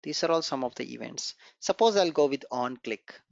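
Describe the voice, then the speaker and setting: A programming instructor, a man whose first language is Gujarati, teaches a live online coding class in a mid-range, expressive, creaky voice at a moderate pace. He encourages students and repeats key points while stepping through the code. The recording is dry, dull and lo-fi, with no echo.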